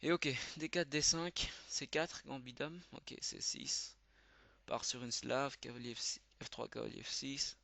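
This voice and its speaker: Gravelly-voiced man thinking aloud. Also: mid-range voice, sharp tone, dry recording. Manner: thinks aloud, quick muttered exclamations. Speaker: channel host. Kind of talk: live commentary while playing.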